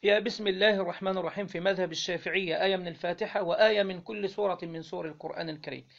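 An Egyptian-accented man with a high, gravelly voice teaches Islamic law. He reads each line of the legal text, then unpacks it, stopping to prompt his listeners for the missing word. The recording sounds dull and lo-fi. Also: steady tone, fairly bright tone. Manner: reads the text then explains, quizzing listeners with "what?" pauses.

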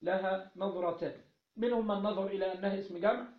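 Speaking fast with fairly even intonation, a high-voiced man with an Egyptian accent explains a religious text as a teacher of Islamic jurisprudence. He answers his own questions and keeps repeating key phrases, captured in a roomy, dull lo-fi recording.

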